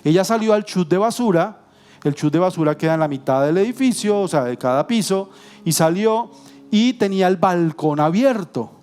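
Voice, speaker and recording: A middle-aged man, a guest pastor preaching with animated, joking personal stories. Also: sits high, normal speed, clean tone. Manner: animated, humorous storytelling with self-corrections and jokes. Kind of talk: sermon with personal storytelling. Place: church.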